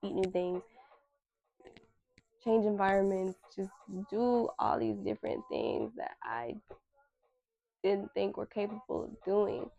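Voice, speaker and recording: A woman's voice: medium pitch, takes it slowly, vocal fry, long pauses, warm tone, no echo, lo-fi sound. A woman in her twenties hosting a casual solo talk, candid and slangy, with emphatic repetition. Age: 20s. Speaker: podcast host.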